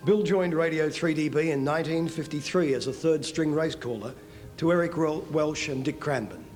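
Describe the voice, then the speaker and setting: A man giving scripted television narration in a measured storytelling way. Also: on the high side, a little mellow. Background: faint music bed.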